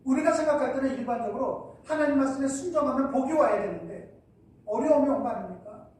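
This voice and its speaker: A man's voice: very high voice, fast, darkish tone. A male pastor preaching a sermon, asking the congregation rhetorical questions. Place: church hall. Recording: echoey church from far off.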